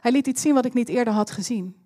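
Woman, preacher, fairly high voice, personal testimony sermon, chatty storytelling, English phrases mixed in. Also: fast, warm tone. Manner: chatty, laughing asides.

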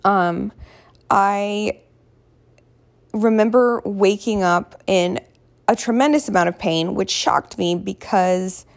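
A woman with a hoarse voice telling a personal story casually, in a candid, rambling, self-deprecating way. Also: medium pitch, slow, pauses often. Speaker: vlogger.

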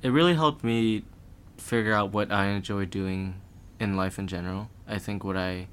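A young man chatting casually as a podcast guest, talking in a relaxed, rambling way with lots of filler words. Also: lowish voice, normal speed, clear, resonant tone. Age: young adult.

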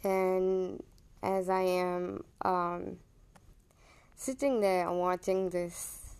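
This young Indian podcast host has a lowish, steady voice that is clear, resonant, and a little mellow, and she speaks extremely slowly. Her Indian English accent drifts toward American. She muses personally in a hesitant manner, full of ums and corrections of herself.

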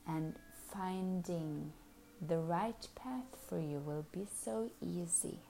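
A woman leads a hypnosis session in a very slow, unhurried drawl. Her voice is low-pitched and mellow, soft and soothing, with many phrases dropping into a breathy whisper. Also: slight background noise, rough recording.

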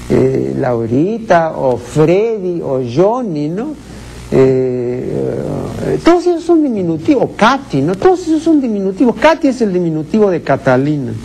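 A man's voice: a little high, vocal fry, mellow. Peruvian guy ranting about typos, fussy and fed up, lots of rhetorical questions, faint hiss in the background. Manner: pedantic, indignant, rhetorical questions. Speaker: critic. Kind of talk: critical commentary to camera.

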